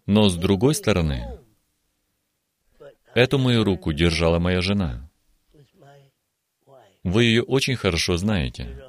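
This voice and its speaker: A man's voice: low voice, big pitch swings, measured pace, pauses often. A man in his eighties giving an earnest, emphatic religious testimony on a television studio program. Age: 80s. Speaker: guest giving a healing testimony.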